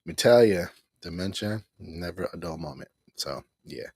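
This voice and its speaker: On a relaxed home livestream, a middle-aged male host wanders back over the same points, laughing frequently as he goes. His voice is low, gravelly and husky, animated and darkish in tone, with wide pitch swings at a moderate pace, captured in a close, dry recording.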